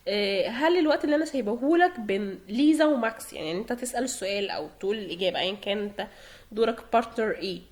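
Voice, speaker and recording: A woman's voice: mid-range voice, animated, racing. A woman with an Egyptian Arabic accent teaching German online, explaining word by word, translating and repeating. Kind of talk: online language lesson.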